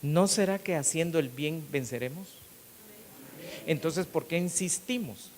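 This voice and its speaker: A middle-aged man, a pastor, preaching an animated sermon and acting out the people in his stories. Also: fairly high pitch, measured pace. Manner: animated storytelling, acting out quotes, rising to loud emphasis. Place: church hall. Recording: long hall reverb with faint hiss.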